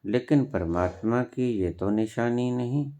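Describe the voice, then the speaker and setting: A man with a Punjabi accent giving a slow, deliberate sermon as a spiritual teacher, pausing for emphasis and stressing key words. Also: mid-range voice, warm tone.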